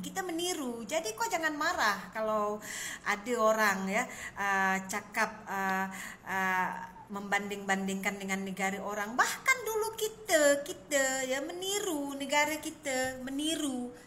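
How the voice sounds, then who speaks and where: A woman's voice: fairly high pitch, expressive, a little slow, bright, forceful tone, a little hiss or hum. A woman speaking to the camera in an insistent, lecturing way. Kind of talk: vlog commentary.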